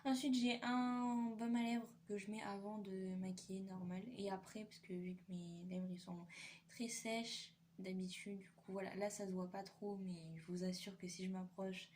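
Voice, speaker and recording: Young woman vlogger, tired, casual and halting, mid-range voice. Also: mid-range voice, little pitch movement, a little mellow, a little hiss or hum. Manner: chatty, hesitant, many fillers. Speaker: beauty vlogger. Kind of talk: casual makeup vlog.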